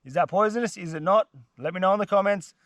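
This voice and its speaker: This fishing vlogger, a young man whose nose is clearly blocked, talks fast in a high, fairly bright voice while trekking through humid, dense forest. His outdoor vlog to camera is casual, laid-back, chatty and slangy.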